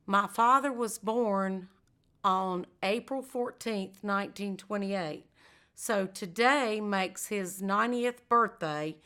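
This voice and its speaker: An older woman speaking slowly and tenderly as she is interviewed, repeating her lines over several takes. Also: mid-range voice, sharp tone, smooth. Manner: slow, tender and heartfelt.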